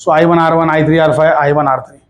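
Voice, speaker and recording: High-voiced chatty physics teacher, man. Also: little pitch movement, quick pace, muffled recording. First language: Hindi. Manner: chatty, coaxing, mixes Hindi with English and Marathi asides. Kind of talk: recorded online physics lesson.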